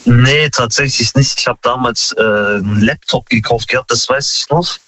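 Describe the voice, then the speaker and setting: A man in his thirties chatting casually in an interview, relaxed and slangy with many fillers. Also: mid-range voice, normal speed, no echo, low-quality recording. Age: 30s.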